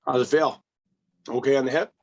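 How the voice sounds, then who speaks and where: A man working as a personal trainer with a hoarse voice, coaching a client through exercises step by step with easy laughs. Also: medium pitch, fairly even intonation, brisk, highs cut off. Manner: patient step-by-step instructions, laughs easily. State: hoarse, lost voice. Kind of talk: remote workout coaching.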